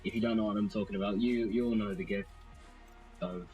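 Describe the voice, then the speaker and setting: A man's voice: fairly low pitch, fairly even intonation, fairly quick, mellow, dull audio, soft background music. A man casually narrating a wrestling management game, rambling and self-deprecating as he goes. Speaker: let's play host.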